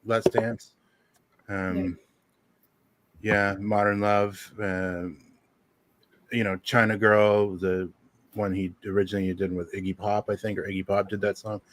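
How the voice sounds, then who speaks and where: A man's voice: on the low side, little pitch movement, unhurried, pauses often, dry recording. A man who hosts a radio show, chatting casually and rambling through music picks with lots of ums. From Southern Ontario. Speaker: radio host. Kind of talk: casual livestream chat.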